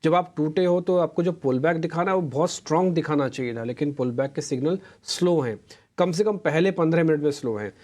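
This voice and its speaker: Man, fairly high voice, live market commentary, chatty, coaching viewers. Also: a little fast, a little mellow. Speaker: market anchor.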